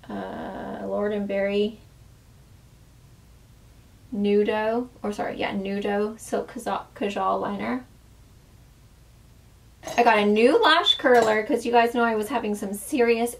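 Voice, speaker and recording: Fairly high-pitched and gravelly, this woman's voice is recorded from a distance. She's a former makeup artist chatting casually through a makeup tutorial, using lots of fillers, and because she's losing her voice it keeps cracking.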